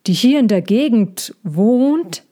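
A gruff, blustering circus boss barks in a storybook, loud and commanding, as a woman puts him on. The lines come slowly and heavily. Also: fairly high pitch, lively intonation. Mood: shaken.

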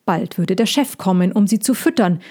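A woman narrating a children's storybook in a calm, measured reading voice. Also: medium pitch.

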